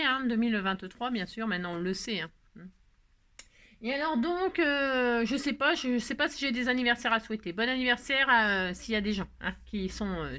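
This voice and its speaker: A woman's voice: a little high, fairly bright tone. A woman chatting casually to her viewers, rambling and joking with many fillers. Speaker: crafting vlogger.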